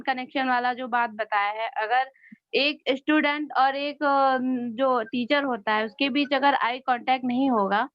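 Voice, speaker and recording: A woman on a video call thanking the trainer, halting and searching for words. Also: sits high, no room sound, lo-fi sound. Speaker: participant giving feedback.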